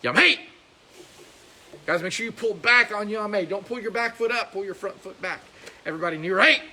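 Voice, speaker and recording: Bright-voiced man barking karate commands. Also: high voice, quick pace. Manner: loud barked commands and upbeat encouragement. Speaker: karate instructor. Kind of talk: live coaching of a class. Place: training hall with mirrors.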